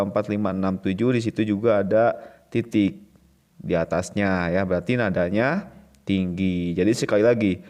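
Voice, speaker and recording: A man's voice: on the low side, a little mellow. A man teaching a recorded music lesson to children, explaining patiently and repeating each point step by step.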